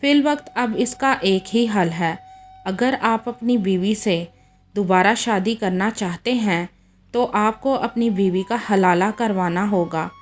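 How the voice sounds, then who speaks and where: A woman's voice: mid-range voice, slow, soft background music, lightly acted. A woman voicing a scheming male cleric who speaks soothingly and persuasively in a read-aloud story.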